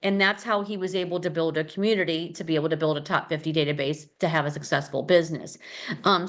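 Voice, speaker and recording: A woman's voice: fairly low pitch, a bit bright. A middle-aged woman leading a casual real estate team training, chatty and rambling, with many fillers and restarts.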